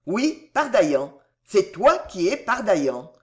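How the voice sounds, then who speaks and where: A reader voicing a cold, menacing grand inquisitor in an audiobook, calm and slow, spacing out each word with insistence. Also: medium pitch. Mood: calm menace. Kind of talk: audiobook reading.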